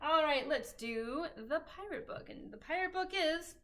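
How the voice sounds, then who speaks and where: A woman leading a children's storytime, reading a picture book aloud in a cheerful, animated way. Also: sits high, measured pace, heavy background noise. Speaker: children's librarian.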